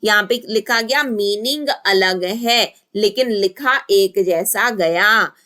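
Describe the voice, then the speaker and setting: A young adult woman with an Indian accent, teaching an online exam-prep lesson and slowly repeating each point in mixed Hindi and English. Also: mid-range voice, sharp tone. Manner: slow, repetitive explaining in mixed Hindi and English.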